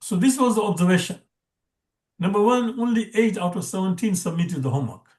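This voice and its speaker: A man's voice: sits high, animated, fairly quick, a little mellow, roomy sound. A man teaching an Arabic grammar class, explaining patiently with frequent restarts.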